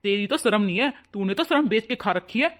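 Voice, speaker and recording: A voice actor playing a young husband and protective son in a cartoon, loud and scolding. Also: medium pitch, lively intonation, brisk, close to an everyday voice. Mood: angry. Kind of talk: cartoon voice acting.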